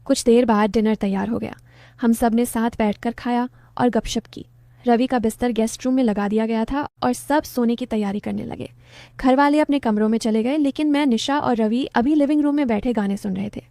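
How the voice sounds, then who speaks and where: A woman narrating a romantic family story in the first person, calm and even. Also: fairly high pitch, moderate pace, no room sound.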